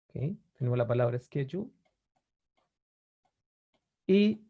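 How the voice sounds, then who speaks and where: With a fairly high-pitched voice heard through narrow, tinny audio, a man teaches a webinar about language-learning websites. He is a language teacher who explains unhurriedly, uses lots of fillers and restarts, and often checks on his viewers.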